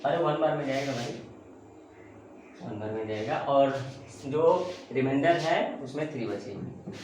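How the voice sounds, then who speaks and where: A man's voice: mid-range voice, lively intonation, measured pace, darkish tone. A male teacher explaining a math lesson to students, calling them beta and voicing their questions himself. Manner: calls viewers beta and bachcha, voices students' questions himself. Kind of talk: classroom math lesson on video. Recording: very echoey room, faint ambient noise.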